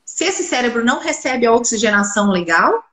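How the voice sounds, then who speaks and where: In an echoey room, a speech therapist congested from a cold explains things during an interview, very animated and fairly quick. Her voice is a little high and fairly bright, and she keeps asking rhetorical questions only to answer them herself.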